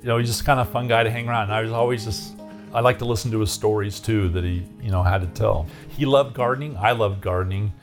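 A man's voice: fairly low pitch, little pitch movement, quick pace, faint music behind. A man from Arizona casually recalling his past in a rambling way, with many fillers and restarts. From Arizona, USA. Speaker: interviewee. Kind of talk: casual recollection.

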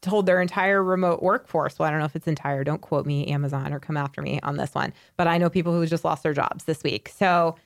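A woman's voice: deep voice, fairly even intonation, fast, few pauses. Conversational woman weighing both sides. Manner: conversational, hedges and qualifies her points. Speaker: HR professional and podcast guest. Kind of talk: casual podcast chat.

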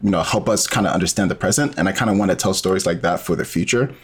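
Guesting on a podcast, an audio drama creator talks fast in a low-pitched, husky voice. The interview is casual, and his answers ramble with lots of fillers.

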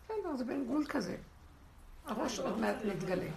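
Woman, religious teacher, rhetorical, high voice, very lively delivery. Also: gravelly, over a noisy crowd. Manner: expressive, laughing, rhetorical. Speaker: spiritual teacher. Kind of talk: animated religious lesson to a women's group.

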